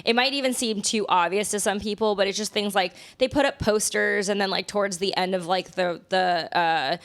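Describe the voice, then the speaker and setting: A woman's voice: mid-range voice, moderate pace. A young adult woman hosting a podcast in casual chat, talking loosely with lots of fillers and frequent laughs. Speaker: podcast host.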